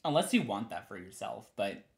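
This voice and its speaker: A woman co-hosting a podcast in casual chat, chatty and quick to laugh. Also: rumbling low, big pitch swings, vocal fry. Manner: chatty, laughing, hesitant restarts. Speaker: podcast co-host.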